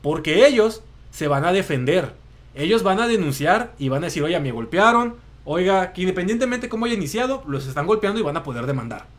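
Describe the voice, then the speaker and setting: Slangy northern Mexican man, high voice. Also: brisk. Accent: northern Mexican Spanish. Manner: slangy, animated storytelling with acted-out quotes. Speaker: show host. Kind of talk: casual live commentary.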